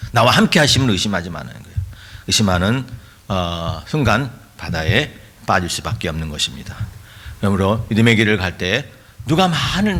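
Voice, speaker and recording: A man preaching a sermon as pastor, with emphatic rhetorical questions and frequent throat clearing. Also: fairly low pitch, a bit bright.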